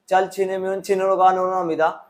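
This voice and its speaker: Reciting rehearsed responses in a flat, high-pitched voice at a moderate pace, a man in his early twenties from Pakistan prepares for a work-visa interview. He is a Korean learner and speaks formally with a Pakistani accent.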